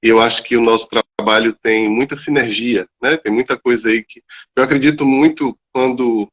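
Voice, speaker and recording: A calm, articulate man, answering questions on a live video call. His voice comes through dull and lo-fi, with little top end. He speaks at a middle pitch, steady and reflective. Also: moderate pace. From Salvador, Bahia, Brazil. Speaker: guest, teacher.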